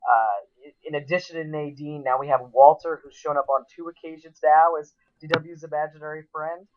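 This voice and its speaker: A man's voice: a little high, steady tone, a little fast, highs cut off, a little hiss or hum. A man co-hosting a podcast, chatting about a cartoon in an enthusiastic, rambling way with many fillers. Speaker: podcast co-host. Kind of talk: casual chat.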